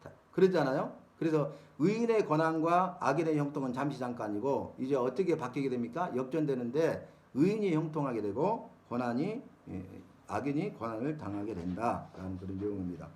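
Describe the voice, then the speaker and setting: A man's voice: mid-range voice, lively intonation, brisk, few pauses, darkish tone. A middle-aged man preaching a sermon-style Bible lesson, asking the congregation rhetorical questions. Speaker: pastor.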